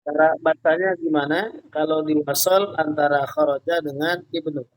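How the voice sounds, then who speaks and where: A man's voice: fairly high pitch, fairly even intonation, normal speed, low-quality recording. A man teaching an online Arabic grammar class, patiently explaining step by step and calling on students by name. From Indonesia.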